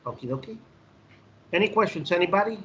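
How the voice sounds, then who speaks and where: A man with a Mexican Spanish accent teaches an online English lesson, explaining grammar in a high, animated, fairly bright voice at normal speed. He switches between English and Spanish, using many fillers and repeated words, and the audio is slightly dull with faint noise.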